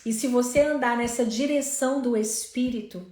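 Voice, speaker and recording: A woman's voice: a little high, normal speed, a little mellow. Earnest woman preaching in an echoey room. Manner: earnest storytelling, voicing family members in quotes. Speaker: preacher at a mothers' prayer meeting. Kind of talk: sermon.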